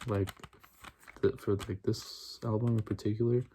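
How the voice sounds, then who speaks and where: A young adult man doing a fast, aggressive ASMR ramble in a casual, repetitive, enthusiastic way. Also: lowish voice, level tone. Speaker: ASMR video creator. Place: small bedroom, indoors. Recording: noisy room, clicking and tapping. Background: tapping and clicking on CD cases.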